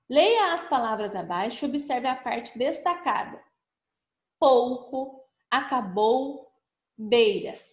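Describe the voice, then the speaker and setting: A woman teaching young children remotely, patiently rephrasing each workbook question and slowly stretching words out as she reads them. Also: on the high side. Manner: slow, syllable-stretched reading of words for children. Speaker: primary school teacher. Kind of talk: remote lesson walking through a workbook. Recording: echoey room.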